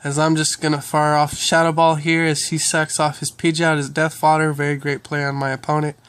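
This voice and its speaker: A man's voice: a little high, completely flat delivery, fairly quick, fairly bright tone. Sick young man narrating his game. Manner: frequent "uh" and "um" fillers, throat clearing. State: sick, under the weather. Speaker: gaming YouTuber. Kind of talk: casual game commentary.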